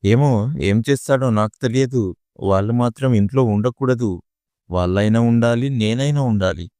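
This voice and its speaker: A man's voice: medium pitch, moderate pace, dark tone, clean tone, dry recording, studio quality, lightly acted. A man reading as an angry young bride. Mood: indignant.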